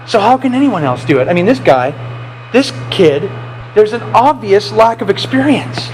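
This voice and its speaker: A man pastor preaching a sermon, animated, swinging between loud and hushed with playful asides. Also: high voice, normal speed, slight background noise, low-quality recording.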